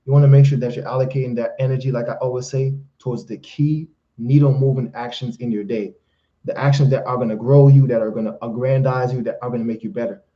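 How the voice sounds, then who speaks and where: Fast speech and a steady tone mark this medium-pitched male voice, heard through dull audio. He grew up speaking Haitian Creole and now hosts live Q&A streams as a life coach, giving forceful, preachy motivational advice and referring to listeners as "brother" and "fellas."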